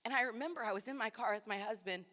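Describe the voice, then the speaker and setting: A woman's voice: a little high, racing, pushed and bright. A woman preaching a sermon to a conference, emotional and close to tears at times. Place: large church hall. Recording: long church hall reverb.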